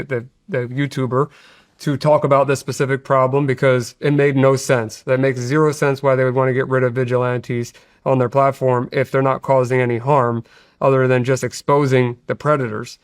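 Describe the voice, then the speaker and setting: A man's voice: medium pitch, level tone, moderate pace, smooth, no echo, clean studio sound. A man, a guest in an interview, explaining at length in an earnest way, often restarting his sentences. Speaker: guest, hacker. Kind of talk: interview conversation. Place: studio.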